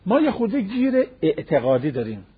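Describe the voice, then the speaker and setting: A man preaching a sermon, quoting Arabic verses and hadith in a slow recitation and asking rhetorical questions. He acts out the voices of people he imagines. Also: on the high side, wildly swooping pitch, breathy edge. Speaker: cleric. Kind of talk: sermon on marriage. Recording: dull lo-fi radio broadcast.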